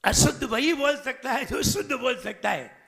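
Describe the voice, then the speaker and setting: A man teaching an audience in a sermon style, quizzing them, making them repeat, and swinging between loud emphatic lines and soft asides. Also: extremely high pitch, vocal fry. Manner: asks the audience questions and makes them repeat; drawls single words slowly to show the right pronunciation. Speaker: Jain monk teaching a training camp.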